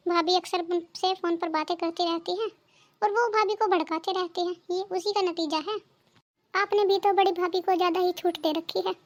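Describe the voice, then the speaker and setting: A woman voicing a scheming, gossiping younger daughter-in-law in a cartoon. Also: extremely high pitch. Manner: sly, sweet-talking. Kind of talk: cartoon dubbing.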